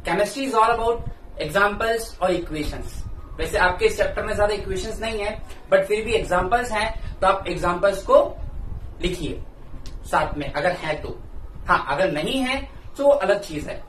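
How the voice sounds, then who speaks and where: A male teacher with an Indian English accent giving a classroom lecture, explaining slowly and repeating key terms for notes. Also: high-pitched, fairly bright tone, roomy sound, far from the mic, a little hiss or hum, low-quality recording.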